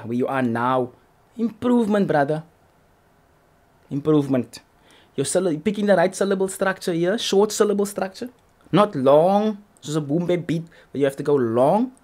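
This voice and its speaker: Reaction host, man, slightly high voice, emphatic and repetitive. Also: a little mellow. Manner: emphatic, repeats his points. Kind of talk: casual commentary on a song.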